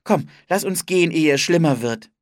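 A storybook reader voicing a young boy who urges his sister on with hurried exclamations. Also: mid-range voice, lively intonation, no room sound, clean studio sound, pitched above the performer's own voice, close to an everyday voice. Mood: calm urging. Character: young boy, brisk and excitable brother. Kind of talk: audiobook character voice.

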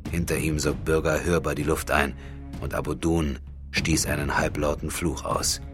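Very deep-voiced male audiobook narrator. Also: level tone, moderate pace. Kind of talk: scripted fantasy narration. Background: faint music.

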